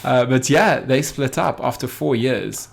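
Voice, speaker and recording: A man's voice: mid-range voice, measured pace, vocal fry. A man co-hosting a casual podcast chat, gossipy and hesitant, with lots of fillers and restarts. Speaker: podcast co-host.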